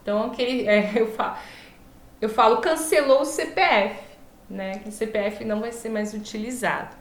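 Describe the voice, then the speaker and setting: A woman's voice: a little high, moderate pace. A Brazilian woman teaching an online law class informally, her speech slightly impeded by a swollen mouth as she stumbles over long words and corrects herself. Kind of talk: online lecture, informal explaining. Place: echoey room, online class. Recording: echoey room.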